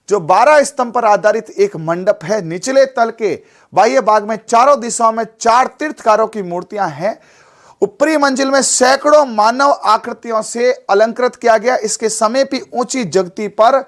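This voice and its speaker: A man teaching an exam-prep lecture, animated and talkative, often asking his listeners questions and mixing in English words. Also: sits high. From Rajasthan. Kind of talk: classroom lecture.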